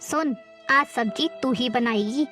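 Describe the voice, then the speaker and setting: A woman playing a shrill bossy sister-in-law. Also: measured pace, fairly bright tone, soft background music. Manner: shrill scolding, barks orders. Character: harsh bossy sister-in-law, scolding, domineering. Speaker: performer in a family skit. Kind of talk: amateur family drama acting.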